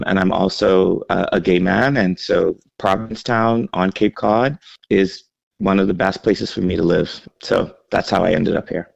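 Man from the Bahamas, health center head, low gravelly voice, dry close sound, unhurried with fillers. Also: fairly even intonation, dry recording, highs cut off. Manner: measured, explanatory, with frequent fillers. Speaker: health center CEO, interview guest. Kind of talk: radio interview segment.

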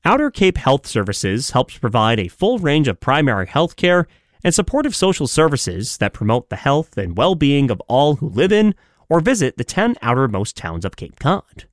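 A male radio host reading a smooth introduction and asking conversational questions. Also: medium pitch, sing-song, moderate pace, no room sound, studio quality. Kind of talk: scripted intro then interview questions.

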